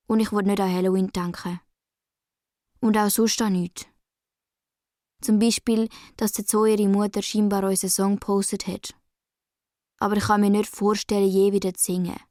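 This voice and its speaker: A young actress with a Swiss accent playing a troubled schoolgirl, quietly narrating a radio play in the first person. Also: medium pitch, no room sound, studio quality, natural voice. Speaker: narrator and main character.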